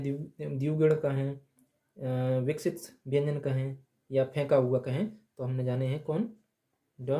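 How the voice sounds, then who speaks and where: Slow, mellow-voiced male teacher. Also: mid-range voice. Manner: asks questions then answers them himself, repeats key points. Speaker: Hindi grammar teacher. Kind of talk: slow blackboard lesson.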